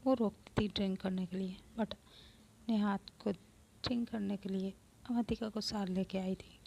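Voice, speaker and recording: Woman with a gravelly story-telling voice. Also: mid-range voice, steady tone, unhurried, dark tone, slight background noise. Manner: mixes English words into her narration. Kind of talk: casual story narration.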